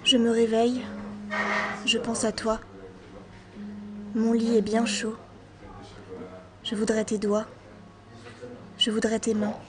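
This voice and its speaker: Sensual woman, whispered role-play, breathy n flat, crowd noise behind. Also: on the high side.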